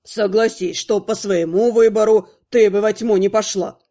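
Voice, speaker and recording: A woman's voice: mid-range voice, steady tone, normal speed, warm tone, pitched below the performer's own voice, lightly acted. A woman voicing a pushy, demanding male light magister.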